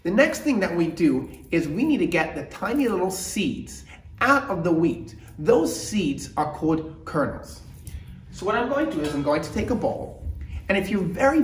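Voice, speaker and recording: A man in his thirties presenting an instructional children's show, with exaggerated sing-song emphasis and drawn-out words. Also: sits high, very animated, a little hiss or hum. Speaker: children's show host and rabbi. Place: indoor room with mock bakery set. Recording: roomy indoor echo.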